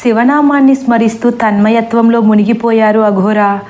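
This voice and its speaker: A woman storyteller narrating a horror story in the first person with a steady, even reading. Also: on the high side, normal speed.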